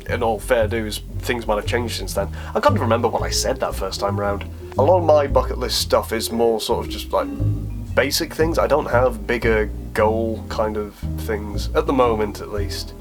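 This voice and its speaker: With music playing in the background, this YouTuber in his twenties talks at a normal pace in a mid-range voice. He responds to viewers' questions in a relaxed, to-camera chat, poking fun at himself with dry humor.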